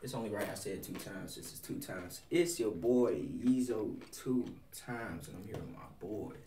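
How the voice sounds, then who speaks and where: A man co-hosting a music reaction, animated and full of exclamations. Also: fairly low pitch, moderate pace, far from the mic, a little hiss or hum. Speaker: co-host. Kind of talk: casual reaction chat. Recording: echoey room, a bit off-mic.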